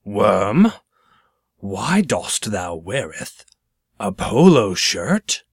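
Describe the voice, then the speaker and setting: A man's voice: lowish voice, big pitch swings, drawn-out words, gravelly, very noisy, full character voice. A man voicing an old-fashioned knight who speaks in formal, archaic words. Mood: declaiming. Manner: archaic, declamatory speech.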